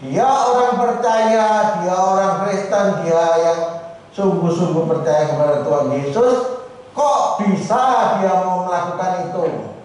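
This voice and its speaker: A man preaching a sermon as pastor, slow and emphatic, rising high and then dropping low. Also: a little mellow. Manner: slow, emphatic preaching with sudden rises and drops in pitch. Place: church hall. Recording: echoey hall heard from a distance.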